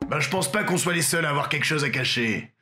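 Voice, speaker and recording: A man's voice: a little high, lively intonation, quick pace, pushed and bright, soft background music. A man playing a grumpy, sceptical straight man with a dry, blunt delivery in a comic cartoon.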